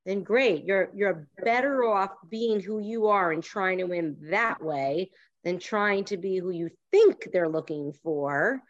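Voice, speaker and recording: A woman's voice: mid-range voice, animated, a little slow, no echo, lo-fi sound. A woman from New York with a Long Island accent, giving candid, self-deprecating and encouraging advice through personal anecdotes. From New York, United States. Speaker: panelist, past scholarship winner.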